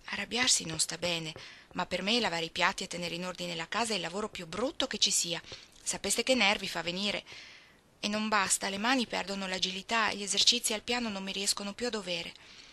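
A woman reading as a gentle, shy peacemaking girl who speaks softly with sighs. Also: mid-range voice, brisk. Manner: soft, sighing.

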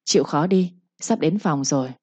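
A woman's voice: low-pitched, normal speed, dark tone, slightly rough, dry recording. A woman voicing a stern young male master who gives blunt, scolding orders. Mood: brusque. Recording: slightly muffled recording.

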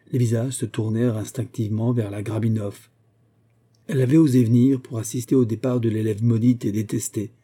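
Male audiobook narrator with a very dark, husky voice and a steady literary delivery. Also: medium pitch. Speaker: audiobook reader. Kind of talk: scripted narration.

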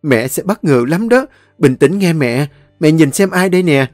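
A man voicing a caring elder sister who speaks in a gentle, coaxing way. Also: on the high side, animated, normal speed, no room sound, faint music behind, voice pushed up, natural voice. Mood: excited.

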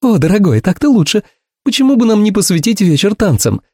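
A man's voice: very animated, fairly quick, mellow, no echo, clean studio sound, full character voice. A man voicing a chattering young woman in an audiobook, piercing and effusive, showering endearments. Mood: gushing. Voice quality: piercing shrill voice. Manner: effusive, sprinkles every phrase with endearments. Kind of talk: audiobook character voice.

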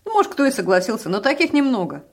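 A woman voicing a brash, slangy male police officer who speaks bluntly and loudly. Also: on the high side, sing-song, quick pace, creaky, pitched above the performer's own voice, full character voice. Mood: blunt, cocky.

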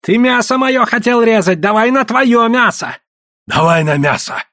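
A hulking, vengeful gambler barks in a hoarse, commanding voice, as a man acts him out. His pitch swings from low growls to loud yells. The recording is dry and close. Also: lively intonation, moderate pace, no room sound, full character voice. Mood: fierce. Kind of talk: audiobook character voice.

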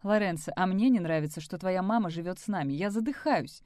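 Вспыльчивая невеста в прочтении женщины. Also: female voice, medium pitch, sing-song, normal speed, dry recording, studio quality, lightly acted. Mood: heated. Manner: heated, sharp. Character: sharp-tongued young woman, fiancée.

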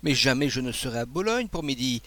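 A male reader as a kindly, excitable abbé; flustered, stammering, lively swings in pitch. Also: brisk. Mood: alarmed. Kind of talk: audiobook dialogue.

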